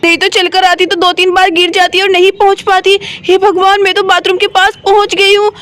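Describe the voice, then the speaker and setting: A woman's voice: very high-pitched, level tone, brisk, fairly bright tone. A woman voicing a sick mother in a doll story, fretting anxiously and asking over and over what to do. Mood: panicked. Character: sick, tied-up mother, fretful and panicky.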